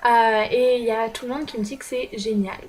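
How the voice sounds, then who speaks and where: A woman's voice: fairly high pitch, fairly even intonation, a little fast. A teenage girl from France, chatting casually in a vlog recap as an exchange student, hesitant and full of filler sounds.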